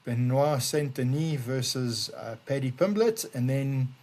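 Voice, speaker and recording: Relaxed dude running his podcast segment, mid-pitched voice. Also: a little slow. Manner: laid-back, reads out news items. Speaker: podcast co-host. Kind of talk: casual podcast chat.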